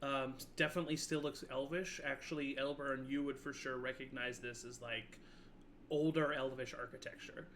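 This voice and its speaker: A man runs a tabletop game with his voice passed through a voice changer. The processed tone comes out bright and forward at a mid pitch. He narrates in a halting way, pausing often on small fillers. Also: steady tone, slight background noise. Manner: hesitant, many filler pauses. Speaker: game master.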